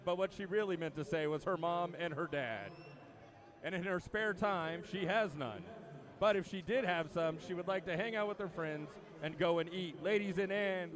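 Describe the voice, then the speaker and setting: A man announcing at a swim meet, introducing swimmers in a measured, emphatic way with the odd dry aside. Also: high-pitched. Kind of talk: public address announcement.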